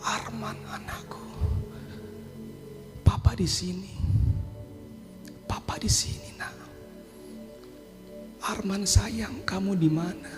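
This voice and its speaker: Pastor man whispering as a desperate dad calling for his kid, hushed and pleading, music behind. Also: high voice, fairly even intonation, very slow, long pauses. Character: desperate father searching rubble for his son.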